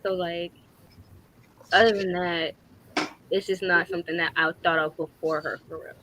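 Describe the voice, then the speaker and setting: A woman's voice: lowish voice, fairly even intonation, normal speed, a bit bright, a little hiss or hum, low-quality recording. A blunt, slangy woman of twenty-one speaking as a guest on a casual talk show.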